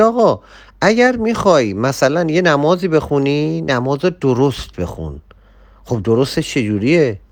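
A man's voice: a little high, no room sound. A man giving an informal religious talk, admonishing and addressing the listener directly. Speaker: religious speaker.

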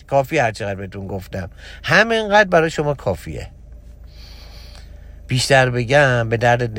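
A man delivers a religious motivational talk with a fairly high, very lively voice, pressing his points through repetition. He jumps from loud urging to quiet, confiding asides. The sound is dry and close, with no room around it. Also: dry recording. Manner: emphatic, repetitive, swings between loud exhortation and low confiding tone. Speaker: spiritual teacher.

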